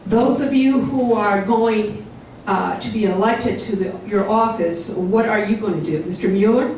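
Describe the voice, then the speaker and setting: A woman's voice: medium pitch, measured pace, darkish tone, a little hiss or hum. An older woman, an audience member at a public forum, pressing the candidates with pointed, indignant questions in a large echoey hall. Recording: echoey hall, heard from far off.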